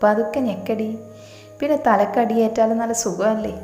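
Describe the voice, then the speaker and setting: A woman's voice: on the high side, steady tone, moderate pace, close to an everyday voice. A woman voicing a playful, blunt older sister-in-law who teases. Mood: teasing. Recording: echoey room, long reverb, soft music.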